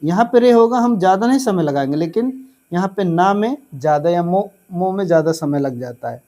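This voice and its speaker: A man teaching an online grammar lesson for exam preparation. He addresses viewers as friends and drills syllables slowly. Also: high voice, animated, mellow.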